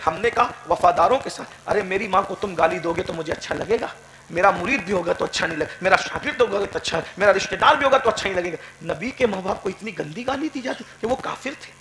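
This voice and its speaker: A man preaching an impassioned sermon to a gathering, building to shouted climaxes and slowly chanting verses. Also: sits high, lively intonation, crowd noise, poor audio. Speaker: Islamic preacher. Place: gathering with a responsive crowd.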